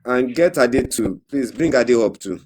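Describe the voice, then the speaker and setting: A man calling in from work over a breaking-up connection. He talks in a halting way and repeats his words. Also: medium pitch, expressive, darkish tone. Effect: choppy call line breaking up. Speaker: caller joining a live stream from work. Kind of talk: casual chat.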